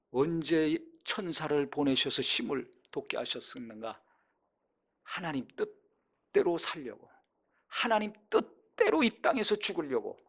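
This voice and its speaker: A pastor preaching a sermon, emphatic and full of rhetorical questions, his voice swinging between loud and quiet. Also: on the high side, gravelly.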